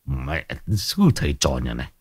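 A man's voice: a bass voice, expressive, moderate pace, husky, no room sound, clean studio sound, pitched below the performer's own voice, exaggerated voice. A man voicing a sly, mocking bald older man. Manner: sneering, taunting.

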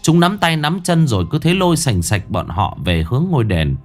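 A man's voice: medium pitch, sing-song, a little fast, soft background music. A man narrating a ghost story in a dramatic storytelling manner.

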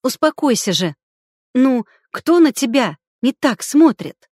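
A woman's voice: high-pitched, sing-song, slow, darkish tone, no echo, clean studio sound, voice pushed up, heavily acted. A woman reader voicing an older hostess who speaks in a sweetly caring tone that hides contempt. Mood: soothing. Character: older hostess, falsely soothing and disdainful.

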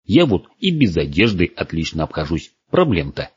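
Man voicing a sulky dragon, clumsy, slow drawn-out talk, husky low voice, lo-fi. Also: wildly swooping pitch, darkish tone, full character voice. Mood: casual. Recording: dull, dry lo-fi recording.

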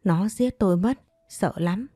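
A woman's voice: medium pitch, a little slow, dark tone, no echo, clean studio sound, soft background music, lightly acted. A woman voicing a deranged first wife who pleads in a frightened, sobbing way. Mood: terrified.

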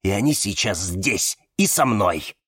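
A man reading a novel aloud, voicing a bitter, sharp-tongued young woman with a raised, biting voice. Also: lowish voice, lively intonation, unhurried, slightly rough, dry recording, studio quality, full character voice. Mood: accusing. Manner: scornful, biting.

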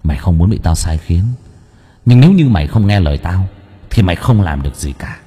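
A man's voice: deep voice, lively intonation, brisk, warm tone, slightly rough, big-room sound, voice pushed down. A man voicing a sinister, taunting male shadow spirit in an audiobook, sneering and contemptuous.

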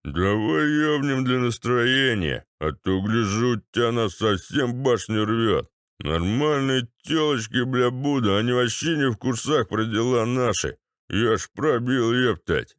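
Brief: swaggering drunk ex-paratrooper, voiced by a man, bassy and crude, slow and smooth. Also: fairly bright tone, no echo, studio quality, lightly acted. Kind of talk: audiobook character voice.

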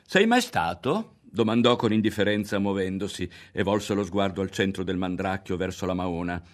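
A man with a very deep, low voice and an Italian accent reads a literary novel aloud. His delivery is measured and expressive, with the care of a trained reader. The pace is steady throughout. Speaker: audiobook narrator. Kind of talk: literary audiobook reading.

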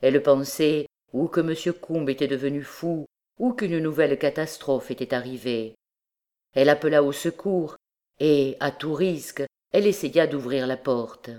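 A woman reading a classic novel aloud as an audiobook, in a measured, dramatic way. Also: low-pitched, mellow. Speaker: audiobook reader. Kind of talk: scripted narration of a classic novel.

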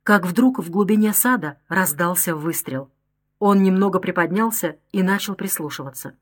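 A woman reading a novel aloud as an audiobook narrator, in an expressive, dramatic storytelling manner. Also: on the low side, normal speed. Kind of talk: scripted narration.

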